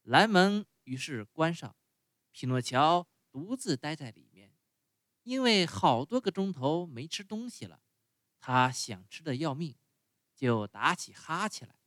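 A man reading a children's storybook aloud as a parent, expressive and speaking directly to the kids. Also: a little high, a little slow, dry recording.

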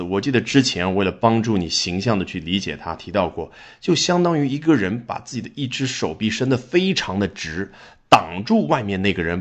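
Male English teacher, low voice with very animated pitch, explanatory lesson delivery full of rhetorical questions. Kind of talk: recorded language lesson.

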